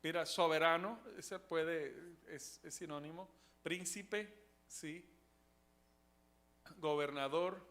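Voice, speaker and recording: A man teaching a Bible study class, talking haltingly with many fillers and restarts and asking the class questions. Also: a little high, a bit bright.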